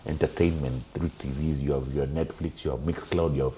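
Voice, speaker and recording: A man's voice: a bass voice, fairly even intonation, brisk, dark tone, slight background noise. A man, a guest in a casual panel chat, telling reflective stories with fillers.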